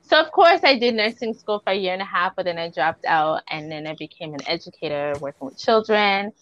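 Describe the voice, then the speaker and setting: A woman's voice: on the low side, expressive, a little fast, a bit bright. A woman hosting a podcast in casual chat, speaking informally with slang and swearing. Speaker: podcast host. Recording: slightly dull lo-fi audio.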